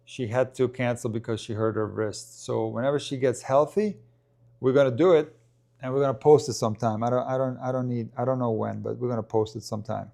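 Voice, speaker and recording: A man's voice: mid-range voice, vocal fry, mellow. A man hosting a casual tennis live stream who talks loosely with many ums and restarts while answering viewer questions.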